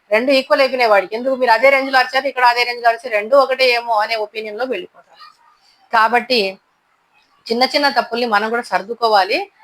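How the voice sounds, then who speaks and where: A woman's voice: on the high side, fairly bright tone, rough recording. A woman teaching a parenting class, giving earnest advice and repeating her key points, with English words mixed in.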